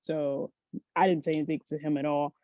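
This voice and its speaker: A woman who runs a sports agency as CEO guests on a podcast for a casual interview chat, telling stories and laughing often. Her low-pitched voice is brisk and flat, recorded with no echo and the highs cut off.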